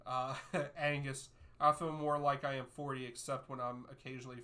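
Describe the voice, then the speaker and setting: Male streamer in his thirties, bright and punchy tone, casual back-and-forth with live chat. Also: medium pitch, flat delivery, normal speed. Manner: easygoing, reads out chat names and answers at length. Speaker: streamer hosting a soccer watchalong. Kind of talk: live-stream chat, answering viewer questions.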